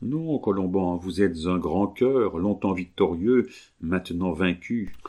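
A man's voice: deep voice, slow, mellow. A man reading an audiobook, voicing a passionate, determined young woman who presses her questions ardently.

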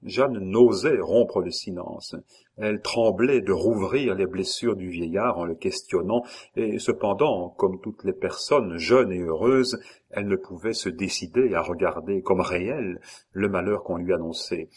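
A man narrating a classic novel in a measured, expressive reading. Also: low voice, husky. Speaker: audiobook narrator.

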